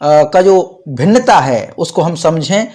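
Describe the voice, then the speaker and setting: A man teaching Sanskrit pronunciation, speaking slowly and carefully and repeating sounds to demonstrate them. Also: on the high side, lively intonation, a little mellow. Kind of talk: pronunciation lesson.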